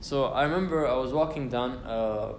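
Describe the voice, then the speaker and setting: In a university lecture room with an echoey sound and faint hiss or hum, a young Quran study teacher speaks at medium pitch and a normal speed. His tafsir class is informal, full of fillers and restarts, and he recites verses in Arabic.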